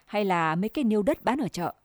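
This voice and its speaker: A woman voicing a jealous village wife who berates her rival with sharp scorn. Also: mid-range voice, lively intonation, quick pace, no echo, natural voice. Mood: scornful.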